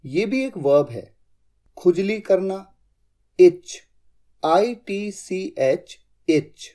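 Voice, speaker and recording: A man's voice: high voice, animated, very slow, mellow. A man teaching English vocabulary in a lesson, spelling out each word letter by letter.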